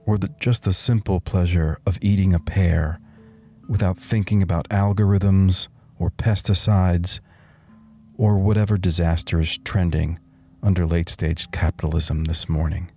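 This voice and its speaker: Over soft background music, a low-voiced man delivers a satirical guided meditation in the role of a tired, wry slacker turned middle-aged meditation guru. He keeps it deadpan and calming, pausing on purpose, in a wry, reflective mood.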